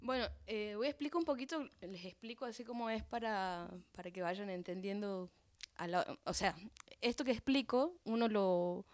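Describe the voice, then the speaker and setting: An Argentine woman, a folk singer guest on radio, explaining a song tradition in a hesitant way, often pausing to search for words. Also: mid-range voice, a little mellow.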